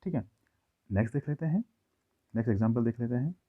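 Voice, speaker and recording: A man teaching a classroom grammar lesson, explaining slowly and checking in with his listeners often. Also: mid-range voice, animated, slightly rough. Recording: tinny phone-like audio.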